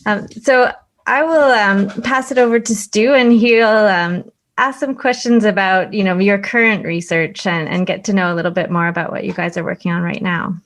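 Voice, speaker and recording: A woman's voice: mid-range voice, fairly even intonation, moderate pace, fairly bright tone. A woman co-hosting a podcast interview, asking friendly questions with many hesitations. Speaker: podcast co-host.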